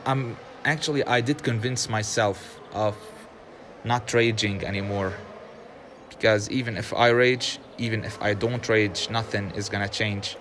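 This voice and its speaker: A gaming channel host whose first language is Arabic chats casually while playing a racing game, often frustrated, laughing and filling pauses with "um." His voice is mid-range, over a noisy background.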